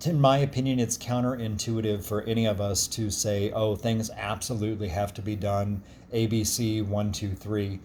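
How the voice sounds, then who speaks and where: Gruff low-voiced man reading cards. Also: dark tone, slight background noise. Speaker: card reader. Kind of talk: casual card-reading narration, explanatory.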